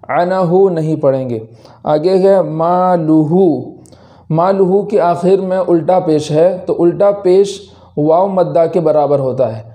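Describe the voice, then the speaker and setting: A man teaching Quran recitation rules, explaining step by step and then slowly reciting each word as a model. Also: on the high side, warm tone. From India. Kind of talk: tajweed lesson with recited examples.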